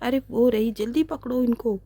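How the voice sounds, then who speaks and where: A woman's voice: medium pitch, steady tone, measured pace, dark tone, no room sound. A woman voicing a threatening male kidnapper who barks short orders. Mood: bossy. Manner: bossy, threatening. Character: gruff male kidnapper with a gun.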